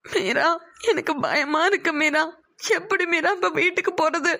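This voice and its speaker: A woman's voice: very high-pitched, unhurried, fairly bright tone, dry recording. A woman voicing a timid, tearful young village girl who whimpers and pleads in a cartoon. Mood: tearful, scared. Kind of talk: cartoon voice acting.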